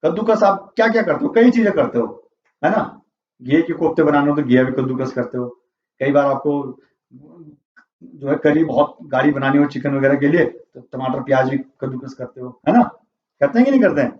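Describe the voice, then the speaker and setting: A man's voice: a little high, fairly quick. Man teaching vocabulary in a roomy classroom. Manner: quizzing and repeating answers. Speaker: English teacher. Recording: roomy, distant, dull classroom audio.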